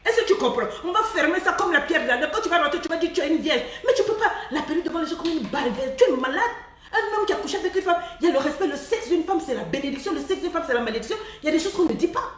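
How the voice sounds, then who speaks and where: Laughing, high-voiced woman coaching in an echoey room. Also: racing, recorded from a distance. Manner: animated and preachy, laughing often, mimicking people. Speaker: love coach. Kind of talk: live-streamed motivational talk.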